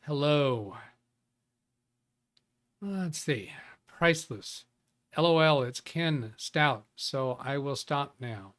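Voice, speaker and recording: A man's voice: medium pitch, expressive, takes it slowly, pauses often, a bit bright. A man hosting a live tech show in a casual, chatty way, greeting viewers by name and often restarting his sentences. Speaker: livestream tech show host. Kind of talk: casual live-stream chat.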